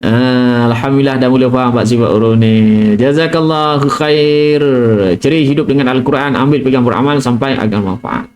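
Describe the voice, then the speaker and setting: Speaking at a quick pace with few pauses, this middle-aged man has a mid-range, steady, slightly mellow voice and a Malaysian Malay accent. As a Quran recitation teacher, he leads an informal live tajwid class, chatting with frequent "kan?" and "ah." He periodically demonstrates letter sounds in a whisper or in chanted recitation.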